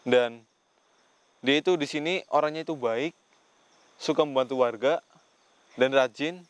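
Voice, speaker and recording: A man hosting a ghost-hunting vlog speaks earnestly to a spirit and his viewers, repeatedly dropping in "Mas." His voice is mid-range and a little slow, and the recording has no echo.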